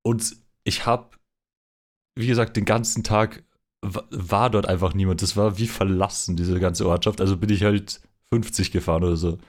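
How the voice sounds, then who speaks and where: A man's voice: deep voice, fairly even intonation, moderate pace. A young man, co-hosting a casual podcast and defending himself with laughter. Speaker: podcast co-host. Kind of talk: casual chat.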